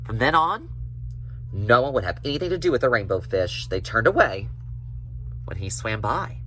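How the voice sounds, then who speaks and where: A man telling a children's story in an expressive storybook reading style. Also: medium pitch, moderate pace, slight background noise, low-quality recording.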